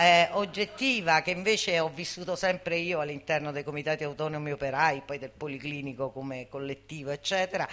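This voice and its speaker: Speaking in a low voice with a sharp tone, this veteran activist, an older woman, gives an impassioned, informal public talk as a guest speaker. She presses her points hard and keeps looking for agreement with tag questions.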